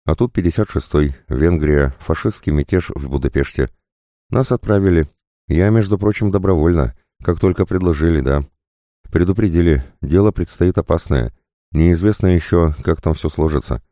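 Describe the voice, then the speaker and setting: A man's voice: low voice, moderate pace, dark tone, no room sound, clean studio sound. A man reading an audiobook voices a serious, dignified young woman in her twenties who serves as a junior state security officer. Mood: earnest. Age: young adult. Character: earnest proud young woman, Soviet officer.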